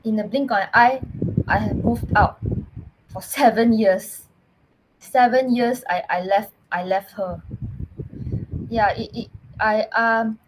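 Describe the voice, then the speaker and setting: A woman with a Singaporean English accent telling her own story as a podcast guest, earnest and halting, often restarting her words. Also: medium pitch, a little hiss or hum, rough recording. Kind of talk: personal storytelling in casual chat.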